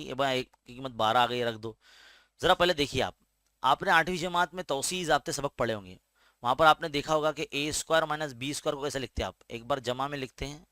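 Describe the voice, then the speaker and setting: A man's voice: mid-range voice, fairly quick, bright, forceful tone, no echo, clean studio sound. A man teaching a school maths lesson step by step with an Indian Urdu-medium accent, patiently checking in with his students as he goes. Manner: explains patiently, often asks "है ना?".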